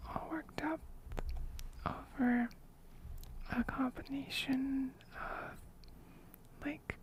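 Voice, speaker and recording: Woman whispering slowly, right in your ear. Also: sits high, poor audio. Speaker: livestreamer. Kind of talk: ASMR whispering to livestream chat. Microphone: close microphone.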